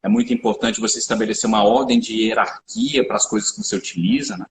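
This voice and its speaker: A researcher who founded a supplement company explains health topics in a live-stream conversation, speaking fast in a lowish, creaky voice with big pitch swings. He lectures and often checks in with tag questions, recorded in an echoey room with faint background noise.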